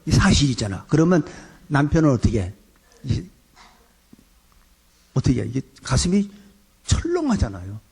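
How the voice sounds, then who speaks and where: A man's voice: medium pitch, big pitch swings, moderate pace, creaky, pauses often, darkish tone, slightly rough. A middle-aged male pastor preaching a sermon in a conversational way, acting out quoted lines in his talk.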